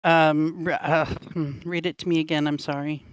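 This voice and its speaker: A man running a tabletop game over voice chat, with a fairly high, smooth and resonant voice. He talks hesitantly, apologizes often and fills pauses with ums. The sound is close and dry, with no room around it. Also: level tone, no echo. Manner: hesitant, apologetic, full of fillers. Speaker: dungeon master. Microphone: voice chat microphone.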